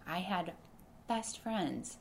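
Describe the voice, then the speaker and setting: A woman talks earnestly as a podcast guest. Her voice sits a little low, with faint background noise in the recording. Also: lively intonation, gravelly. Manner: earnest, reflective, talks in quick restarts. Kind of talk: casual interview chat.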